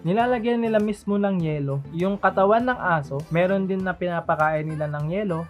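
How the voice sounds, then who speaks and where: A vlogger talking casually to viewers, explaining things in a chatty, rambling way with side stories. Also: medium pitch. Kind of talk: casual vlog talk to viewers. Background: faint background music.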